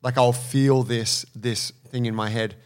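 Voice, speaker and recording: Male podcast co-host, profane and lively, plays out inner monologues, average pitch. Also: unhurried, clear, resonant tone. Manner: swearing, animated, acts out inner voices. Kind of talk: casual podcast chat.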